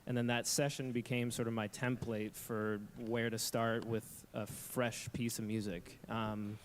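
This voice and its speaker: Man composer, mid-pitched, easygoing rambling panel talk, faint room hum behind. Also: flat delivery, measured pace. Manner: casual, rambling, plain-spoken. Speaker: game music composer. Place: live convention stage.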